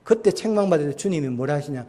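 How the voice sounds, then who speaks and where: A man's voice: a little high, animated, quick pace, mellow. A middle-aged male pastor preaching a sermon, asking rhetorical questions and acting out quoted lines.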